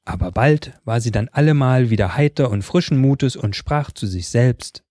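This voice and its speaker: A man reading a fairy tale aloud in a calm, measured storytelling voice. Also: medium pitch, no room sound.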